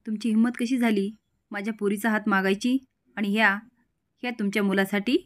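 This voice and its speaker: A woman voicing a proud singer who shouts in outrage, in a spoken serial recap. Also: medium pitch, steady tone, brisk, no echo, close to an everyday voice. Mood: furious.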